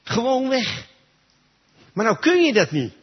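A man's voice: very high-pitched, very animated, a little slow, husky. A man preaching a sermon in a church gathering, talking emphatically and straight to his listeners. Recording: dull lo-fi recording.

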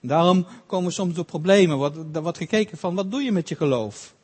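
A man preaching a sermon, earnest and halting with frequent restarts, slowing down whenever he quotes scripture. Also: high voice, animated, darkish tone, husky. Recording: long hall reverb.

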